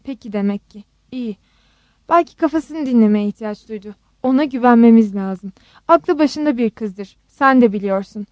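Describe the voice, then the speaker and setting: A worried middle-aged husband talks slowly and steadily to calm someone down, read by a woman in her own bright voice. His delivery is measured and dry. It sounds close to the mic. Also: a little high, no room sound, close to an everyday voice. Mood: soothing.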